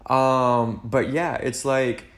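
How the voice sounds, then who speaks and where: In an echoey room, a young podcast co-host whose first language is Spanish chats slowly in a medium-pitched, somewhat bright voice with a level tone. His talk rambles and is peppered with "like" and "you know."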